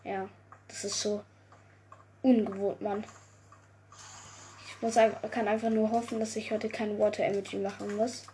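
A young woman giving casual gameplay commentary, excitable, often swearing, groaning and exclaiming. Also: mid-range voice, moderate pace, long pauses, slight background noise. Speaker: gaming video creator.

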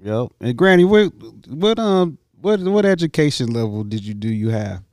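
Mellow, easygoing podcast host, a man. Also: medium pitch, animated, normal speed, dry recording. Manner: easygoing, laughs often, rambling. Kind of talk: casual podcast chat.

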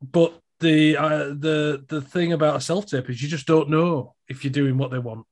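A man with a Northern English accent, an actor talking casually about auditions, chatty and animated in his storytelling. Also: on the high side, normal speed. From Northern England. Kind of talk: casual chat.

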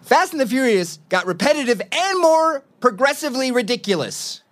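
A man's voice: extremely high pitch, big pitch swings, normal speed, fairly bright tone. A man co-hosting a podcast, skeptically pushing back in a casual debate. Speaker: podcast co-host.

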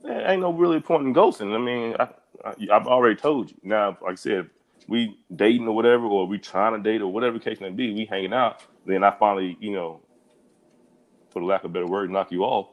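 A man's voice: lowish voice, brisk, dull audio. A young adult man chatting casually as a podcast guest, laid-back and slangy, rambling with lots of restarts. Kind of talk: casual chat.

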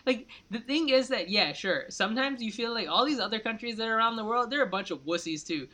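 A man co-hosting a casual politics podcast debates with real passion, his high voice bright, forceful, and expressive at a quick pace. He rambles and circles back, leaning heavily on "like" and "I mean".

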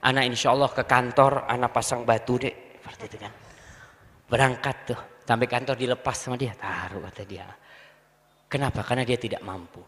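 A man preaching a sermon to a congregation, swinging from low murmurs to high, emphatic bursts. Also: steady tone, brisk, a bit bright. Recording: long hall reverb.

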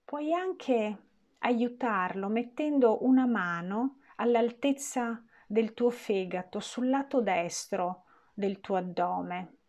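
A woman leading a guided meditation in a gentle, soothing voice with long pauses. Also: fairly high pitch, dull audio.

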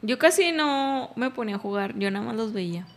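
A woman with a Mexican accent in a relaxed conversation, talking freely and laughing easily. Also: fairly high pitch, a little fast, a little hiss or hum. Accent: Mexican Spanish. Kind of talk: casual chat.

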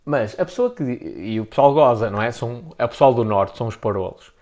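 This man, a content creator with a European Portuguese accent, offers opinionated business advice in blunt slang, repeating himself to stress his points. He talks briskly in a mid-range, slightly mellow voice with lively intonation.

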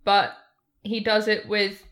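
A woman's voice: medium pitch, completely flat delivery, takes it slowly, a bit bright. A woman co-hosting a casual film chat, thinking aloud and rambling through her points. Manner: thoughtful, rambling with restarts and "like".

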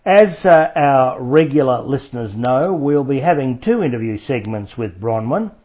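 A man's voice: mid-range voice, expressive, moderate pace. Formal male community radio interviewer. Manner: formal, effusive introductions. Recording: dull lo-fi radio recording.

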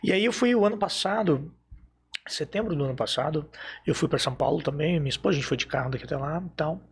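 A man from Brazil tells stories in a relaxed chat, pitched high for a man and a little husky. He jumps into the voices of the people in his anecdotes and keeps the energy up throughout. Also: fast. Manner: animated storyteller, acts out quoted dialogue. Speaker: podcast guest telling stories. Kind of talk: casual chat.

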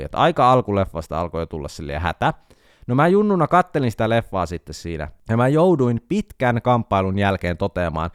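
A man's voice: lowish voice, smooth, dry recording, studio quality. A man hosting a podcast, telling a self-mocking comic story in a casual monologue. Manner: wry, self-mocking storytelling with animated outbursts. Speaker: podcast host.

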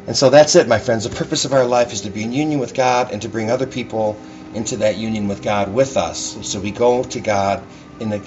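A man's voice: mid-range voice, dull audio. A man speaking as a priest at Mass, addressing a congregation in scripture reading and sermon.

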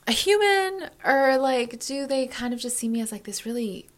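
A woman's voice: high-pitched, expressive, moderate pace. A woman in her early twenties, chatting candidly to camera as a vlogger, rambling and full of fillers as she thinks aloud. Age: early 20s. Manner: candid and reflective. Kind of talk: casual confessional chat.

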